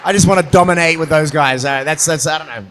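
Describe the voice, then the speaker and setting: Hosting a convention panel without a script, this man, also an actor, jokes and rambles in a large indoor panel room. He talks fast in a fairly high voice, with crowd noise and faint noise in the echoey hall.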